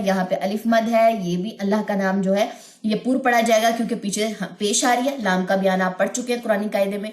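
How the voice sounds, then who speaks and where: A woman teaching Quran recitation rules, explaining patiently and chanting verses slowly and melodically. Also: mid-range voice, darkish tone, roomy sound. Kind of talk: tajweed lesson with chanted recitation.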